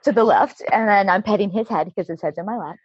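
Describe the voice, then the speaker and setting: A woman spins a long personal story in a relaxed interview, animated and quick to laugh as she acts out the voices of people she quotes. Her voice has a slightly husky edge. The recording is dull and dry. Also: mid-range voice, no echo. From Alaska. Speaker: guest.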